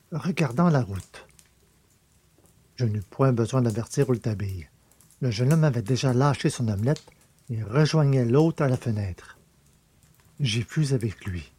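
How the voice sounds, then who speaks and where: A man reading a classic novel aloud as an audiobook narrator, in a measured literary manner. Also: medium pitch, darkish tone, slightly rough.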